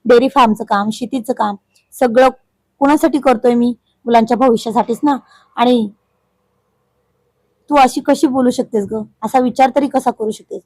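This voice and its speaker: A woman's voice: on the high side, fairly even intonation, moderate pace, long pauses, darkish tone, no echo, lightly acted. A woman voicing a proud, hot-tempered young village husband who speaks sternly and threateningly. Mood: angry.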